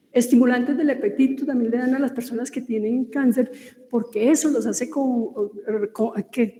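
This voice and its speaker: A lecturer on cosmetic ingredients with a Colombian Spanish accent gives an informal, loose lecture, frequently pausing on fillers and restarting phrases. Her high voice is mellow and soft-edged, and the room echoes with a long reverb tail.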